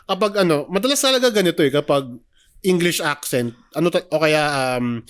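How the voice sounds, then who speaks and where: A man's voice: a little high, expressive, fairly quick. A young Filipino man co-hosting a podcast, joking and laughing often as he swaps between Tagalog and English in casual banter. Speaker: podcast co-host.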